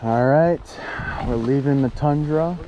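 A man in his thirties hosts a fishing vlog from an outdoor parking lot beside a river trail, holding the camera at arm's length and calling viewers guys. He speaks at a medium pitch, a little slowly, upbeat and casual, though the recording is muffled with a noisy background.

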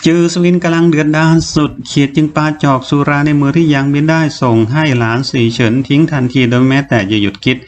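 A man's voice: on the high side, brisk, hardly any pauses, slight background noise. A man narrating a novel in a dramatic reading, voicing each character himself. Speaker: audiobook narrator.

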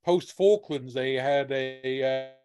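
A guest speaker on a video call whose audio keeps breaking up, answering questions in a halting way with repeated words and restarts. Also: male voice, mid-range voice, a little mellow, faint music behind. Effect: choppy, breaking-up video call audio.

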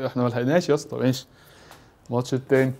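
A young man with an Egyptian Arabic accent chatting casually while playing a football video game, excitedly urging his players on and laughing. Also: medium pitch, rapid-fire. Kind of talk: casual gaming chat. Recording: noisy recording with game sound behind.

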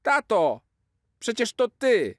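A man voicing an eager, hopeful little boy in a children's storybook, with a high childlike pleading voice. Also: lively intonation, measured pace, darkish tone, no echo, clean studio sound. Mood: excited. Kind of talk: storybook character voice.

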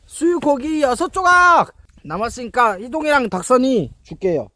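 High-pitched man, casual food vlogger. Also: animated, moderate pace, pushed and bright. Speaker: mukbang vlogger. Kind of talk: casual cooking and eating vlog chat.

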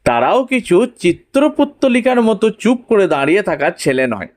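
A man narrating a humorous story in a measured, playful way. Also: high-pitched, very animated.

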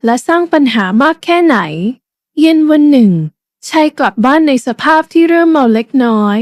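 A woman telling a bedtime story with a high, light voice, reading the narration in a steady, even way. The recording is dry and close, with no room sound. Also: dry recording.

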